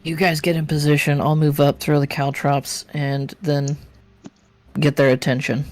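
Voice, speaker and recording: A woman's voice: low voice, flat delivery, moderate pace, darkish tone. A woman playing a tabletop game, chatting casually in a playful, joking manner.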